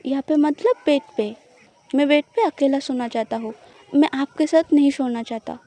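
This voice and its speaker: A woman's voice: high-pitched, moderate pace, dark tone. A woman voicing a reluctant, irritable young wife who sulks and pleads. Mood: sulky. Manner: pleading, sulky.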